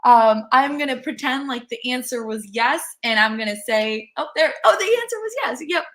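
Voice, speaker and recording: A woman's voice: high voice, animated, moderate pace, fairly bright tone. A young woman from India whose first language is Telugu, hosting a livestream workshop in a chatty, upbeat way and reading the chat aloud.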